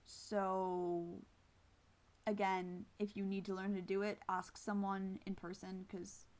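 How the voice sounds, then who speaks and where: A woman's voice: medium pitch, little pitch movement, slow, darkish tone. A woman flute player with missing teeth, giving an informal, hesitant and self-deprecating tutorial. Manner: casual, self-deprecating, hesitant while explaining. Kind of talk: informal instructional talk with demonstrations.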